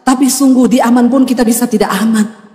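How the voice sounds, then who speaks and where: A woman's voice: fairly high pitch, fairly quick. A woman pastor preaching a sermon as a story, acting out the voices of the people in it. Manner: animated, acts out voices of others in her story. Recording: echoey hall.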